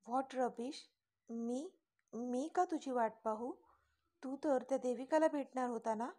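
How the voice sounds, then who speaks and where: A flustered young woman, caught out and snapping back, stammering over her words, as a woman storyteller reads her. The voice is fairly high and a bit louder than the narration. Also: steady tone, measured pace.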